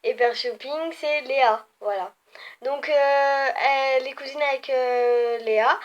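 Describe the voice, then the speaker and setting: High-pitched young girl vlogging, chatty, lots of ums, keeps correcting herself. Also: steady tone, slow, highs cut off. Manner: chatty, many fillers, often corrects herself. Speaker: beauty vlogger. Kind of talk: casual ranking video.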